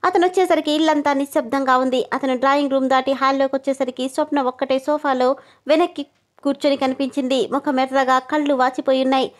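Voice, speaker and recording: A woman narrating a novel as an audiobook in a steady storytelling way. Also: sits high, quick pace. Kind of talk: scripted narration.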